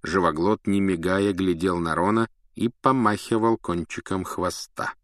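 A man's voice: sits low, steady tone, unhurried, no room sound, studio quality. A man narrating an audiobook expressively, acting out the characters. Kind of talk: scripted narration.

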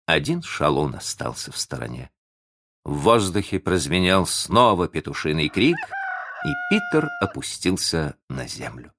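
A man narrating a children's story in an expressive, animated audiobook reading. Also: a bass voice. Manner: animated storytelling, slow and deliberate.

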